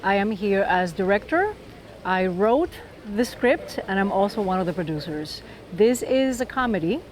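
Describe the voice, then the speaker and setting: A woman's voice: mid-range voice, animated, moderate pace, slight background noise. A woman from Puerto Rico with a Puerto Rican accent, a film director talking enthusiastically in a press interview and often restarting her sentences.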